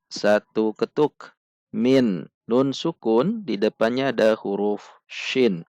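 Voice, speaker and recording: Man, recitation teacher, patient syllable drills, gravelly, very dry. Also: lowish voice, a little mellow, no echo. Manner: patient, drills syllables and counts beats aloud; chants verses in drawn-out melodic recitation. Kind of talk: slow step-by-step tajwid lesson.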